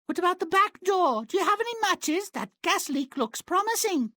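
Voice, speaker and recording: A man's voice: very high-pitched, very animated, normal speed, sharp tone, no room sound, clean studio sound, exaggerated voice. A man voicing a plucky, blunt little girl with a pert, matter-of-fact delivery in a fairy-tale game. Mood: pert, unafraid.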